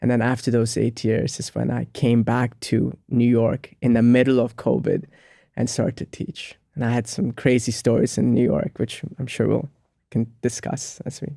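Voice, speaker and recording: A man's voice: mid-range voice, flat delivery, moderate pace, vocal fry, mellow, no echo, clean studio sound. A man, a monk and spiritual teacher, telling his life story as an interview guest in a reflective, earnest way with frequent ums and restarts. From grew up in the United States.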